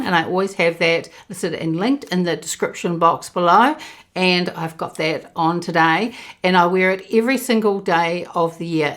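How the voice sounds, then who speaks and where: A woman in her fifties, a beauty vlogger giving a chatty, enthusiastic skincare talk to camera. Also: on the low side. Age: 50s. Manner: chatty and enthusiastic, explains step by step.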